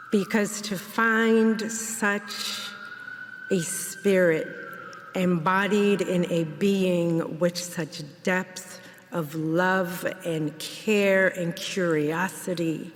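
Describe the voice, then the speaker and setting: A woman from Jamaica giving a memorial eulogy in a church, speaking in a measured, reflective way. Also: fairly low pitch, steady tone, slight background noise. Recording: long church reverb.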